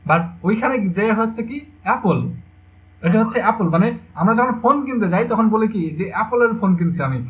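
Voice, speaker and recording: A man's voice: high voice, fast, poor audio. A young man teaching an online English grammar class, repeating questions and explaining step by step. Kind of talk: online exam-prep lecture.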